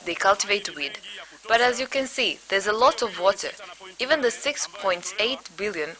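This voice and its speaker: A woman reading a formal news voice-over translation in a measured, steady way. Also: mid-range voice, low-quality recording. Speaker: voice-over interpreter.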